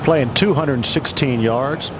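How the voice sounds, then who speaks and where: A man's voice: mid-range voice, takes it slowly. A man working as a golf commentator, giving live analysis of swings and shots. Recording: loud outdoor background noise. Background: loud outdoor noise.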